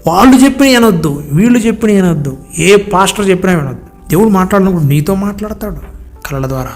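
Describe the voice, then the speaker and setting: A man's voice: high-pitched, animated, fast, faint music behind. A man preaching a sermon, emphatic and exhorting, piling up repeated phrases and speaking straight to his listeners. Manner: familiar direct address to listeners.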